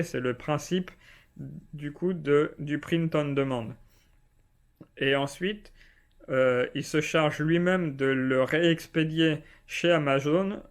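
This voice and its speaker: Chatty man explaining, smooth voice. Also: fairly high pitch. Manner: chatty, informal, addresses viewer as tu with fillers. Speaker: self-publishing video host. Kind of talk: casual explainer vlog. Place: indoors, not at home.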